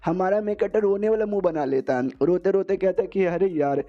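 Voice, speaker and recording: A man's voice: high-pitched, animated, fast talker, lo-fi sound. A man casually narrating an anime story recap in slangy, crude storytelling.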